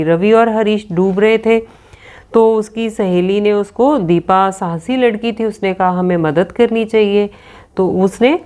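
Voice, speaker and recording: A woman's voice: mid-range voice, darkish tone. A woman teacher working through a worksheet with children, reading out options and spelling words letter by letter.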